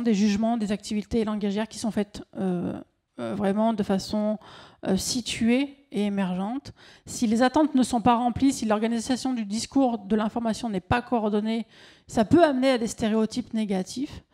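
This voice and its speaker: A woman's voice: fairly high pitch, steady tone, normal speed, warm tone. A middle-aged woman lecturing on linguistics, hesitant, with many fillers and restarts. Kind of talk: academic lecture with slides.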